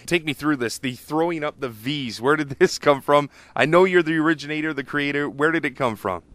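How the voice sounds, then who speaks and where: A man's voice: fairly high pitch, a little fast, fairly bright tone, no echo. A man interviewing ballplayers, asking joking, teasing questions in a casual chat.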